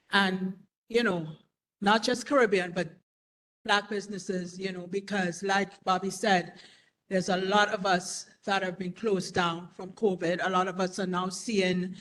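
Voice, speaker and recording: A woman's voice: medium pitch, a bit bright, rough recording. Woman in her 40s talking at a community board mic, earnest, keeps saying you know. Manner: earnest, repeats herself, fillers like "you know". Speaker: restaurant owner applying for a license. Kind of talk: public comment at a community meeting.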